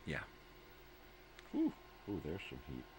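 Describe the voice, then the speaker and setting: In a very deep, slightly mellow voice whose pitch swoops wildly, a middle-aged man chats slowly and aimlessly on his daily morning video log. He drawls like a laid-back stoner and repeats himself a lot, with noticeable background noise behind him.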